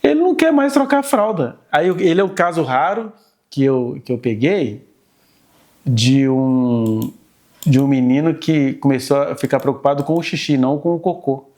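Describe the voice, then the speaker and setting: A man's voice: mid-range voice, moderate pace, dark tone. A man preaching in a conversational, explanatory way to a church group, often checking in with the audience through tag questions. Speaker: preacher teaching a church class. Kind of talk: conversational sermon lecture. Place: church gathering.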